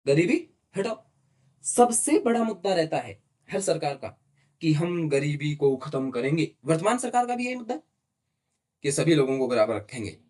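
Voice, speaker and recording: A man's voice: a little high, darkish tone. Rhetorical, questioning male teacher. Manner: explains step by step, asks rhetorical questions and often adds "है ना?". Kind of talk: classroom lecture in Hindi mixed with English terms.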